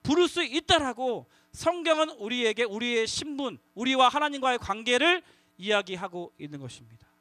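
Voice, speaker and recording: A man preaching to middle schoolers as their youth pastor, lively and coaxing the audience to call out together. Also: extremely high pitch, normal speed, no room sound. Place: church youth worship hall.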